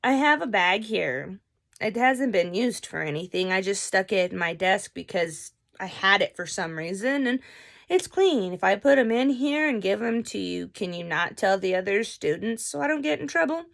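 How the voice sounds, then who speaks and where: A laid-back female teacher leans in with a conspiratorial tone, casual and a little gravelly at the edges, as a woman quotes her while telling a story. Her voice sits mid-pitch. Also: animated, moderate pace. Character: relaxed female teacher sharing cookies.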